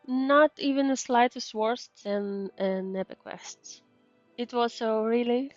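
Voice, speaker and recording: A woman whose first language isn't English streams a game, casually commenting and reading dialogue aloud while often searching for words. Her voice sits on the high side and is a little mellow. The dry, dull recording carries faint game music behind her.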